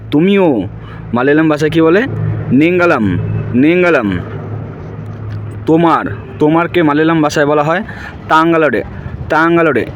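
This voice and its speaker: A man's voice: a little high, dull audio, slight background noise. A man giving a casual spoken language lesson, repeating each word and often checking with "right?". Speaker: language teacher.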